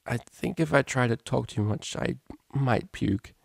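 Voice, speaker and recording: Brief: hungover unicorn DJ mare, played by a man, drawling slow groans, gravelly. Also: medium pitch, big pitch swings, no echo, clean studio sound, full character voice. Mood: groggy. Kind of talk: audiobook character voice.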